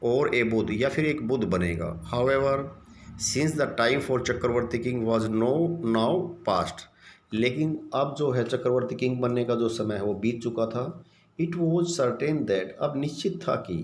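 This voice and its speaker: Slow-talking teacher man. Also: medium pitch, slight background noise. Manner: reads English lines slowly, then explains them in Hindi. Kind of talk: classroom exercise explanation.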